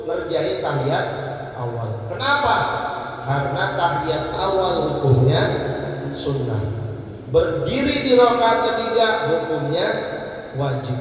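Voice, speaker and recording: A man's voice: sits high, slight background noise. Man teaching in an echoing hall. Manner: quizzes listeners and mimics worshippers' chants. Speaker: religious teacher. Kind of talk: religious lesson with call-and-response. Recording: echoey hall, voice far from mic.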